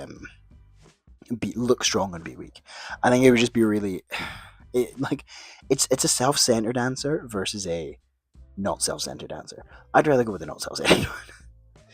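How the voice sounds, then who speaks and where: A young man speaks at a fairly low pitch with a breathy edge, recorded without echo. A video creator answering questions, he rambles through would-you-rather prompts in casual chat, mocking himself, swearing offhand, and restarting his sentences.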